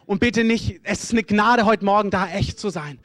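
High-voiced urgent preacher man. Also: normal speed, a bit bright, dry recording. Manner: urgent, repetitive pleading calls. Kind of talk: sermon with altar call and prayer.

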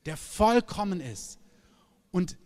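Preacher, male, high voice, emphatic conversational sermon, long hall reverb. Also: slow. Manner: lively, emphatic, conversational preaching with sudden loud bursts.

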